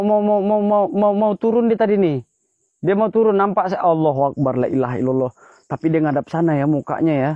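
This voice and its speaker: Man, excited night ghost-hunting vlog, outdoors in a cemetery, dry close phone audio. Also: high-pitched, no room sound. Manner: excitable, keeps exclaiming and pointing things out. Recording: slightly dull lo-fi phone audio.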